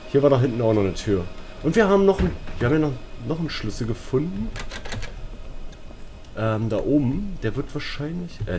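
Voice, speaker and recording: A let's player with a warm, medium-pitched voice plays a horror game. His commentary is casual, colloquial and joking, aimed both at himself and at his viewers.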